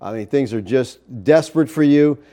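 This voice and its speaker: A man preaching a sermon, arguing point by point in an animated, incredulous way and pressing rhetorical questions. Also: mid-range voice, normal speed.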